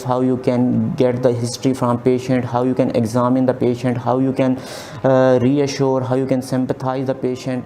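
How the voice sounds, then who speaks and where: A man in his thirties, an OET exam tutor, gives a slide lecture on exam speaking strategies from a small indoor room, shown in a webcam inset. He has a warm, medium-pitched voice, repeats key points and uses lots of fillers.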